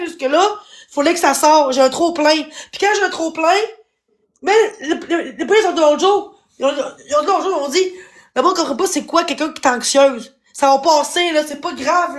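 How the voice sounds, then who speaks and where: A woman with a Québécois accent, hoarse and worn out, venting on a live stream in an agitated, pleading way that keeps repeating itself. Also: extremely high pitch. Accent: Québécois French. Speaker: livestreamer.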